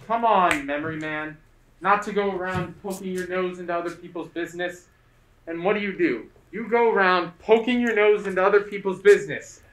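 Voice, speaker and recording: A man's voice: high-pitched, brisk, a little hiss or hum. A young man playing a scolding angry father. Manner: scolding, sharp. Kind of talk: stage play acting. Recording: echoey stage room.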